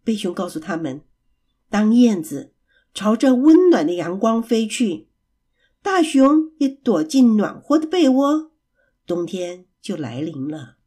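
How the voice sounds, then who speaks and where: A woman reading a children's story aloud in a gentle, expressive way. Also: mid-range voice, slow, slightly rough.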